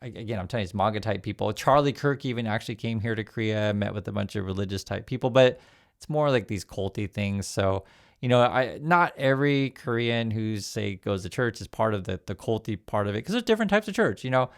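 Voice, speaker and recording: A gravelly, fairly low-pitched man in his fifties, born in Vietnam and raised in the USA. He gives a loose, chatty news commentary, reading articles aloud and breaking off to comment, with plenty of "uh"s and restarts. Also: expressive, a little fast. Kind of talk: casual news commentary vlog.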